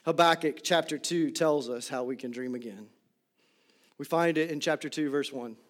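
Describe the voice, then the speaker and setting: A man with a high voice preaches to his congregation as their pastor. He pushes his lists of calls to action with rising emphasis. Then he sinks to soft, breathy, almost whispered lines to press a point home. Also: normal speed. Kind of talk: sermon.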